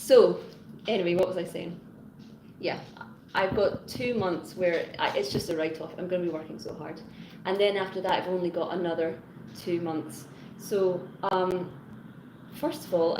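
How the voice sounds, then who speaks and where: A woman's voice: fairly low pitch, moderate pace. Chatty woman live-streaming. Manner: chatty and rambling, greeting chat commenters. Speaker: live-stream host, teacher. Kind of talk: casual live-stream chat with viewers. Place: her home in Hong Kong. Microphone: phone front camera. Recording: echoey room with background noise.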